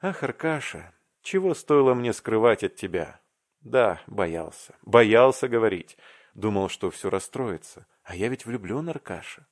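A man voicing a timid, tender-hearted young man in love in an audiobook, speaking earnestly and haltingly. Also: lowish voice, animated. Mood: earnest confiding. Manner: earnest, faltering, warm confessional. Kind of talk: audiobook reading.

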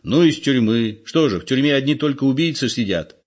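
A man's voice: medium pitch, animated, a little fast, pitched above the performer's own voice, natural voice. A man voicing a meek but sly ex-convict, on a dull lo-fi recording. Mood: indignant.

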